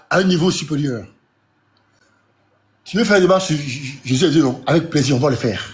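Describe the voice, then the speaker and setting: A man challenging others in a heated live debate, insistent, stammering and repeating himself. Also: fairly high pitch. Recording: faint background noise.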